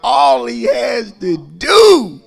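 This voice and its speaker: An American pastor preaches a fervent sermon in a very high-pitched, raspy, gravelly voice, folksy and emphatic, with huge pitch swings and drawn-out words. He repeats phrases and swings from hushed asides to shouting.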